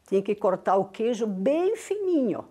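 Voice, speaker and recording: On an interview show, an older woman who founded a business tells her story, peppering it with tag questions. She is from Rio Grande do Sul in southern Brazil, her first language was Venetian Italian, and she speaks Brazilian Portuguese with a heavy Italian-Venetian accent. Her medium-pitched voice is mellow with a breathy edge, swings widely in pitch, and moves at a normal speed.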